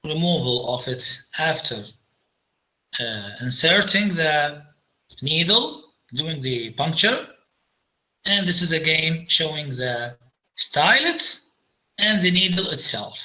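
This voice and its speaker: A man with an Iraqi accent giving a medical lecture over slides, halting with frequent fillers and slipping into Arabic. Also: on the high side, very animated, sharp tone, poor audio.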